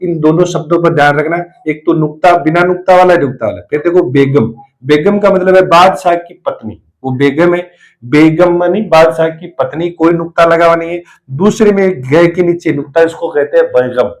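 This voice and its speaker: A man's voice: a little high, normal speed, low-quality recording. Hindi teacher, repetitive explanatory man. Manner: explanatory, repeats key words often. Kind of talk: classroom lecture on word pairs.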